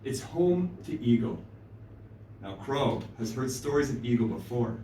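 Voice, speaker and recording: A man telling a myth aloud at a live storytelling night, with dramatic pauses and an expressive delivery. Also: mid-range voice, a little hiss or hum. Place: small live venue stage. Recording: roomy live stage, distant mic.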